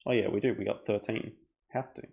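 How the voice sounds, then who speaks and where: A man streaming a board game live, thinking aloud in a relaxed, chatty way. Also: on the low side, fairly quick, vocal fry. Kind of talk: casual live game commentary.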